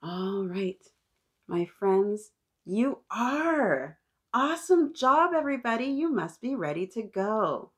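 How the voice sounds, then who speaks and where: Her voice is husky and of medium pitch, swinging widely up and down as she speaks slowly. She's in her thirties, hosting storytime for children, reading expressively and chatting with the little listeners as if they reply.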